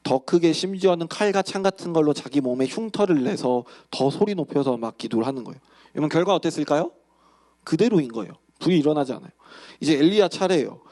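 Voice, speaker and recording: Lively young man preaching to teens. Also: on the high side, fast. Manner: lively storytelling, acting out the characters' lines. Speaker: youth pastor. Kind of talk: youth sermon.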